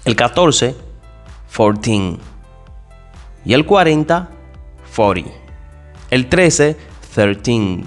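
A male English teacher with a lively, rising and falling voice, talking directly to his listeners. He asks questions and answers them himself, and says each example word lower and softer. Faint music plays under him. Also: extremely slow, pauses often. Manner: addresses listeners directly and informally. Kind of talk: spoken language lesson.

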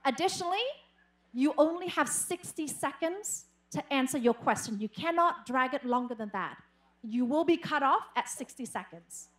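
A woman hosting a pageant on stage, switching between Vietnamese and English and building excitement as she announces. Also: high voice, a little slow. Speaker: pageant emcee. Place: live event stage.

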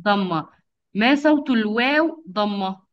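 A woman teaching young children over a video call, with patient, drawn-out enunciation and frequent praise. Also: medium pitch, lively intonation. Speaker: kindergarten teacher. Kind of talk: online phonics lesson for young children. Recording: dull lo-fi video call audio.

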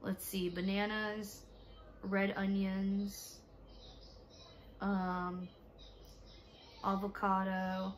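A young woman with a raspy, stuffy voice from allergies, chatting casually to viewers in a home vlog, tired. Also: medium pitch, flat delivery, extremely slow, long pauses, slight background noise. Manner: chatty, talks to viewers while ordering online. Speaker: vlogger, mother. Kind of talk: casual day-in-the-life vlog. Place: home, indoors.

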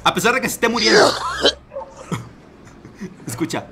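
A man's voice: high voice, very animated, normal speed, a crowd in the background. A young man with a Mexican accent giving crude, slangy, mocking commentary on a video. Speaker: online commentator.

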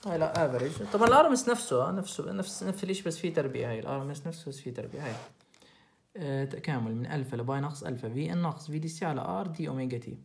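A young man with a Jordanian accent, tutoring through a recorded lecture and repeating the key points. He asks quick questions and answers them himself. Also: a little high, vocal fry. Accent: Jordanian Arabic. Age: young adult. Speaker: student tutor.

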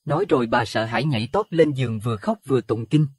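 A man narrating a Buddhist horror audio story in an expressive, dramatic way. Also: medium pitch, fast, creaky, slightly rough, no echo, clean studio sound. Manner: expressive, rising to alarm at scary moments.

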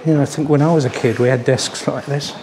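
An older man vlogging a historic site walks through outdoor village ruins and into an old schoolroom, commenting casually and reading aloud on a handheld camera. His mellow voice is medium-pitched, steady and brisk. The recording is rough, with clear background noise.

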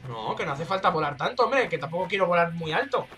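A man with a Spanish accent from Spain, chattering through a game in a jokey, excitable way. His voice is bright and bounces all over the place. Game music plays faintly underneath. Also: fairly high pitch, fast. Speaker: let's play gamer. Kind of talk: casual gameplay commentary.

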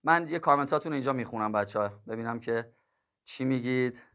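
Joking and laughing with his students over a livestream, a male math teacher keeps calling them kids and dear ones in a casual chat. His mid-range voice carries a slight brightness.

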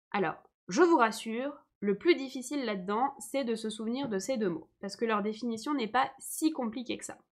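A young woman teacher giving a live online lesson, explaining patiently and often checking that her viewers follow. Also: fairly high pitch.

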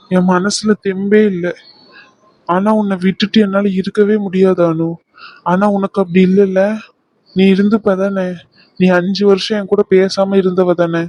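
A woman's voice: mid-range voice, level tone, a little slow, dark tone, dry recording, lightly acted, rough recording. A woman voicing a young man, an anxious but tender fiancé who soothes and teases his bride-to-be in a dubbed scene. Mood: distressed. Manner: soothing, teasing, pleading. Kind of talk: fan dub of a serial scene.

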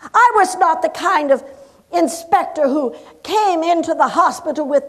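A high-voiced, earnest 1860s lady, the wife of a governor, played by an actress in a live reenactment, recounts her cause in solemn, impassioned oratory. She speaks slowly and deliberately, stressing each grim detail. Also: expressive, a bit bright, full character voice. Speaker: historical reenactor. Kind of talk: first-person historical monologue.

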